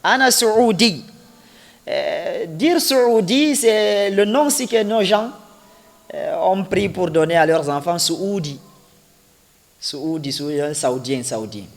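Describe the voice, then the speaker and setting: A man's voice: high-pitched, expressive, slow pace, gravelly. Patient male Arabic teacher in a reverberant hall. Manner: patient, repeats examples and quizzes the class. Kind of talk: classroom lesson explaining grammar.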